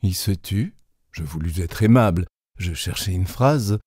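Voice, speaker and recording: A man reading a literary story aloud as narrator, in a measured, deliberate way. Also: low voice, animated, a little mellow, slightly rough, dry recording, clean studio sound.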